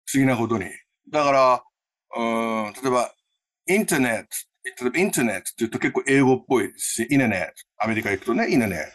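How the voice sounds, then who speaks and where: A man who teaches English pronunciation, explaining his method in an interview with a lively, explanatory manner. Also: mid-range voice, rapid-fire. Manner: lively, explanatory, many fillers.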